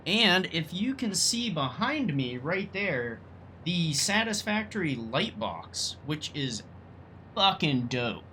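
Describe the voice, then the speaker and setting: A man's voice: a little high, very animated, slow, sharp tone, slight background noise. A young man hosting a let's play, talking casually and enthusiastically, rambling a little and swearing now and then. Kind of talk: casual gameplay commentary.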